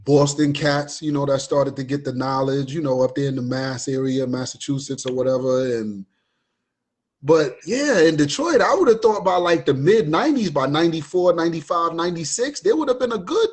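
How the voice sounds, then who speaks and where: A man hosts a relaxed conversation in a voice a touch higher than most men's. He keeps affirming his guest and sprinkles in "you know what I mean." His talk runs loose and conversational. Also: moderate pace. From Richmond, Virginia. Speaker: host. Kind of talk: casual conversation.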